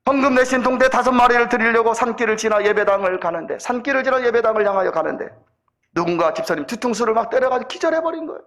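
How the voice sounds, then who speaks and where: A man preaching a sermon in a church, telling a story with emphatic rises and slow, solemn endings. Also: very high voice. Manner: emphatic storytelling, rising loud at peaks, slowing into solemn closing. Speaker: pastor. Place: church sanctuary.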